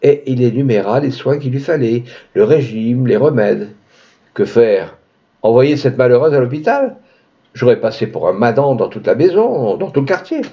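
A man reading a classic story aloud in an expressive literary style, with dramatic emphasis. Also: normal speed, slightly rough, muffled recording. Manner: dramatic, shifting pitch for emphasis.

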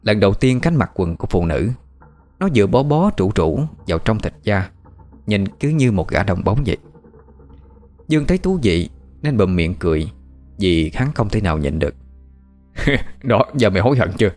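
Male horror-story narrator, low and animated, over faint music. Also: normal speed. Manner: expressive, dramatic reading.

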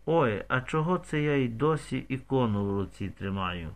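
A man's voice: medium pitch, expressive, moderate pace, natural voice. A man reading the lines of an anxious, loving village mother in an audiobook, with emotional exclamations. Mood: wondering.

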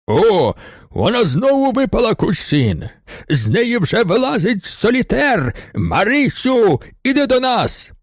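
A man voicing a rowdy young student who shouts down mockingly from a window. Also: sits high, huge pitch swings, a little slow, dry recording, studio quality, voice pushed up, full character voice.

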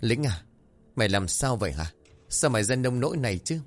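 A man's voice: medium pitch, big pitch swings, fairly quick, natural voice. A man voicing a frightened village father who recounts events and pleads urgently. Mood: panicked. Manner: urgent, panicked.

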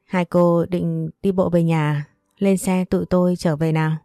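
A woman's voice: lowish voice, steady tone, unhurried, mellow, no room sound, clean studio sound, soft background music. A woman voicing an easygoing, talkative young man with a friendly, breezy manner.

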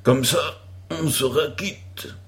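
A man's voice: a little high, slow. A man voicing an eager young boy who plays the rival in a pretend fight, in a stubborn, earnest manner.

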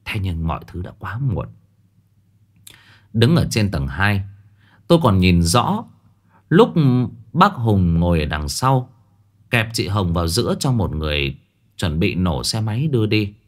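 A man's voice: low voice, sing-song, unhurried, long pauses. A man narrating a first-person horror story in a dramatic, tense way. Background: faint music.

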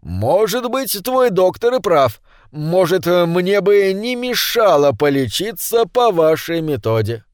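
A man's voice: sits high, big pitch swings, slow pace, clean tone, no echo, clean studio sound, voice pushed up, exaggerated voice. A man voicing an eager middle-aged nephew who exclaims and frets.

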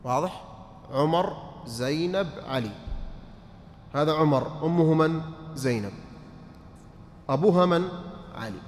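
A man's fairly high voice carries lively intonation as he teaches inheritance law in a mosque study circle, unhurried and leaving long pauses. He quizzes students, goes back over points, and checks their understanding, his words echoing through a large hall with faint noise.

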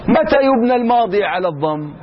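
A man teaching a classroom lesson, quizzing his students and repeating examples slowly. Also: high-pitched, sing-song, crowd noise. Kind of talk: classroom lecture with questions to students. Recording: slightly dull recording with faint noise.

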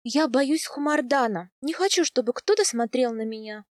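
A woman plays a spirited young wife in a storybook, her voice lifted, bright and quick to flare up. She coaxes sweetly, then snaps back, and the sound stays dry and close. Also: high-pitched, expressive, no echo. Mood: pleading.

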